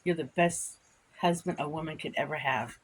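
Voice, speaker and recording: Outdoors with birds and insects around, a congested woman with a low, slightly rough voice talks to camera for her vlog at normal speed. Her chat is rambling and repetitive, and the recording quality is low.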